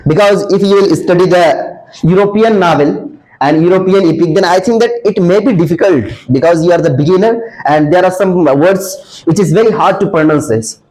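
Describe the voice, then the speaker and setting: A young Indian man, a senior student whose first language is Hindi, answers audience questions in a classroom in Indian-accented English with a high voice. His advice to fellow students is earnest, full of "uh" fillers and frequent restarts. The recording is low-quality and a little mellow.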